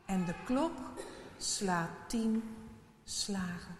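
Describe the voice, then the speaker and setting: A woman reading a children's Bible story aloud in a measured, expressive way, in a roomy hall with faint hiss. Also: mid-range voice.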